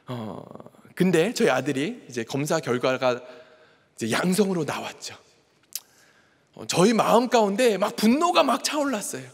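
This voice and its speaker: Husky guy preaching, high and really lively voice, church hall echo ringing behind him. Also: moderate pace. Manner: personal storytelling, acts out quoted dialogue. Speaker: pastor. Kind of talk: sermon. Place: large church sanctuary. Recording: long church hall reverb.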